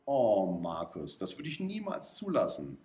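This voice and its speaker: A man's voice: fairly low pitch, huge pitch swings, unhurried, mellow. A man voicing a bold, teasing teenage girl in a read-aloud story, in a raised playful voice. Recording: roomy echo.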